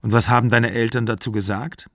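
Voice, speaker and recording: Calm reasoning older man, read by a man. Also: mid-range voice, brisk, vocal fry, dry recording, clean studio sound, close to an everyday voice.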